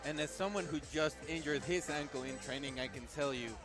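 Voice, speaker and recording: Guy doing mma analysis on commentary, slightly high voice, music clearly going behind him. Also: a little fast. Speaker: fight commentator.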